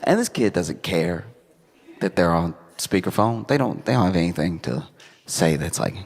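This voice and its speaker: A man telling stand-up comedy stories to a live audience in a conversational way, often repeating phrases haltingly for emphasis. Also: low-pitched, vocal fry. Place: live venue on stage. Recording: echoey hall with audience noise.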